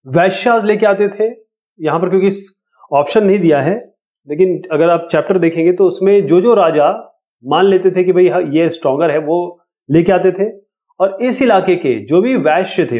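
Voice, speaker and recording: Man teaching a casual lesson, tinny sound. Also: a little high. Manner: casual, explanatory, reads questions slowly. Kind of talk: explaining an exam lesson.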